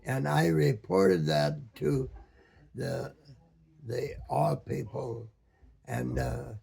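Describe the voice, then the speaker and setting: A very old man, over a hundred, a former boat captain reminiscing in a halting way, searching for words with long pauses and many ums. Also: medium pitch, expressive, warm tone. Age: over 100, very old man. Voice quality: very aged, gravelly, husky voice. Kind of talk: slow reminiscing storytelling.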